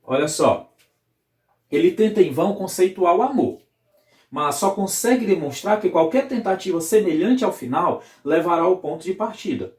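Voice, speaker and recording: A man's voice: high voice, lively intonation, moderate pace, darkish tone. Brazilian male teacher in an echoey room. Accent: Brazilian Portuguese. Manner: explanatory, checks in with "tá certo?". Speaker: literature teacher. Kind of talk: recorded video lesson.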